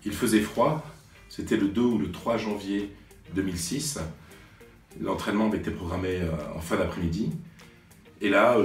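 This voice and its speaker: A deep-voiced man in his late forties tells his stories slowly and hesitantly, full of pauses and restarts. He sounds a little distant from the mic in a roomy space, with faint music underneath. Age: 40s. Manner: hesitant, many fillers and restarts. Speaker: sports journalist. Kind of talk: reflective storytelling to camera.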